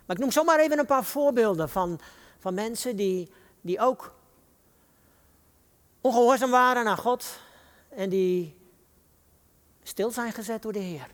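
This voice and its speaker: A man with a Dutch accent preaching a sermon, reading scripture quotes slowly and building to dramatic rises. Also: sits high, in a large hall.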